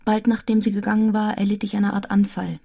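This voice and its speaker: A woman's voice: mid-range voice, monotone, brisk, vocal fry, mellow, husky. An actress narrating a literary audio drama as a grown woman reflectively recounting a grim orphan childhood. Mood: reflective, sombre.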